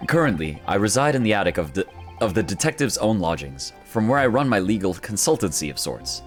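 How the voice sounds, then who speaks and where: Guy reading as earnest young lawyer guy in a game, polite, lowish voice. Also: big pitch swings, fairly quick, faint music behind. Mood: reflective. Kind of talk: reading game dialogue and narration in character.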